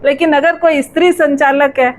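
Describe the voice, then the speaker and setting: A woman's voice: sits high, fairly even intonation, normal speed, low-quality recording. A woman moderating a literary book discussion, responding thoughtfully and at length to a speaker.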